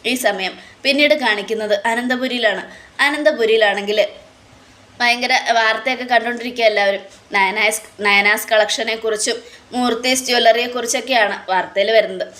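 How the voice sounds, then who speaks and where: Woman narrator, chatty serial recap, voice sits a bit high, casual fillers. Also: fairly quick, pushed and bright. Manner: chatty, fillers between scenes.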